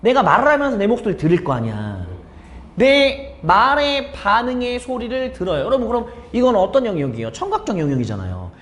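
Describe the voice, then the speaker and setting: A man's voice: sits high, sing-song, fairly quick, a bit bright, reverberant. A man teaching an English exam lesson, asking the students questions and then answering them himself. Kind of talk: exam explanation lecture.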